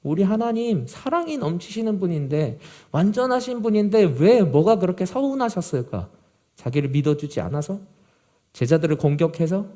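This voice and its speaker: A male pastor preaching a sermon to a youth group, swinging from loud, urgent emphasis to low, quiet gravity. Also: lively intonation, moderate pace.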